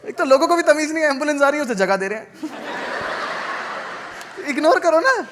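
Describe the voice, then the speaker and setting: A young man from India doing stand-up comedy. He tells stories in a sardonic, conversational way, with sudden loud outbursts. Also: very high voice, expressive, fairly quick. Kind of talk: stand-up comedy with crowd work. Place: live comedy venue with audience laughter. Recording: noisy live show recording.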